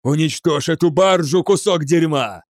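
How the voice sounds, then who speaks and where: A man's voice: fairly high pitch, moderate pace, no echo, clean studio sound, voice pushed up, natural voice. A man voicing an arrogant male lord commander who snaps and barks his orders. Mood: furious. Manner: snapping, barking orders.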